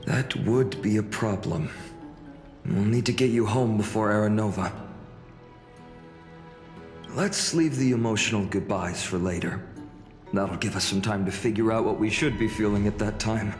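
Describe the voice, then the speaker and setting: A man's voice: lowish voice, normal speed, pauses often. A young man voicing a game character, joking and easygoing with a friend. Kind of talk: game cutscene voice acting. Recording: roomy with long reverb, faint music.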